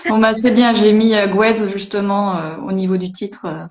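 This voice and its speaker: A woman hosting a casual live interview over a video call, chatty and relaxed, with fillers. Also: medium pitch, moderate pace. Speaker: host.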